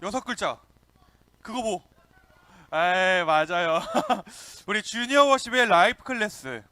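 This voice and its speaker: Young male youth pastor, bright and animated, preaching to children with lots of call-and-response. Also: high-pitched, a little slow, clear, resonant tone, dry recording. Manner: lively, calls out to kids and asks questions. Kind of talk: children's sermon.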